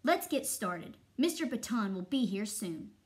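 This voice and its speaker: A woman voicing a rude, whining oboe from a children's storybook, her voice pitched higher than her reading voice. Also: very animated, a little slow, a little mellow. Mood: snappish. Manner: whining, snappish. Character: whiny rude oboe instrument, storybook character.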